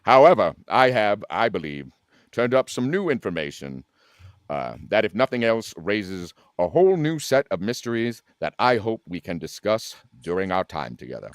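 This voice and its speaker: A man's voice: fairly low pitch, big pitch swings, moderate pace, no echo, studio quality. A man in an amateur live script read playing a dignified, easily irritated male starship captain in a formal, firm manner. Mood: formal oratory.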